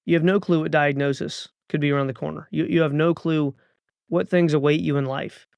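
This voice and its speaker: A man's voice: on the high side, fairly even intonation, fairly quick, gravelly, darkish tone, dry recording. A man in his thirties hosting a podcast, delivering an earnest motivational monologue with urging, repeated calls to action. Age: 30s. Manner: earnest, urging, repetitive exhortations. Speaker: podcast host.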